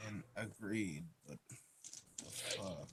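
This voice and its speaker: A man playing a tabletop game, excitable and swearing freely in casual chat. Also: low voice, slow, background noise. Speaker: player.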